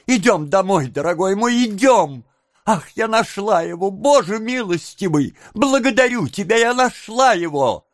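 A man voicing a hysterical young woman who wails and pleads loudly in shrill exclamations. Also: expressive, a little slow, dry recording, clean studio sound.

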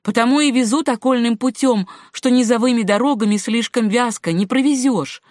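A woman's voice: on the high side, moderate pace, a little mellow, no echo, clean studio sound, natural voice. A woman voicing a chatty young farmer. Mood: coaxing. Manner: talkative, apologetic, folksy. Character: good-natured young male farmer and hunter, chatty. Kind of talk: audiobook reading.

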